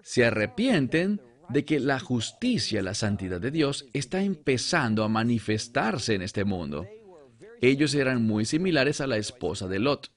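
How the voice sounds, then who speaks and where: A man preaching an expository sermon, emphatic, asking rhetorical questions and slowing down to read scripture aloud. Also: medium pitch.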